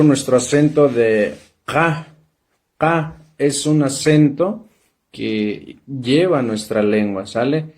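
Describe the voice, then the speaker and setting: A man with a Mexican Spanish accent teaches pronunciation in a relaxed, unhurried way. His voice sits in a middle pitch, and he speaks slowly. He pauses often and repeats sounds syllable by syllable. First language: Totonac. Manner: slow, repeats syllables and checks in with "¿sale?". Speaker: language teacher. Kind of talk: casual spoken lesson.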